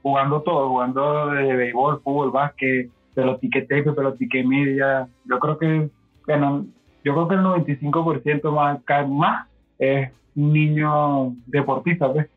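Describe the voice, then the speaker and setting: A Venezuelan man speaks as a podcast guest, rambling through his story and restarting often. His voice sits a bit high and comes through a thin, phone-like line with faint music underneath. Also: flat delivery, moderate pace. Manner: rambling, many fillers and restarts. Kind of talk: casual interview storytelling.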